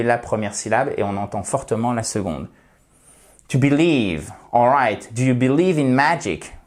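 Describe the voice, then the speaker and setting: A man whose first language is French, teaching an English pronunciation lesson and demonstrating words with careful, drawn-out stress. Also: mid-range voice, a little mellow.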